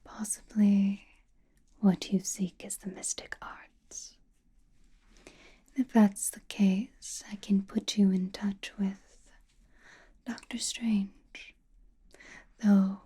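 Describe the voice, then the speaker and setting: A woman voicing a powerful, mysterious witch in a slow, breathy, intimate ASMR whisper, gently teasing and soothing. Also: mid-range voice, fairly even intonation. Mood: teasing, probing.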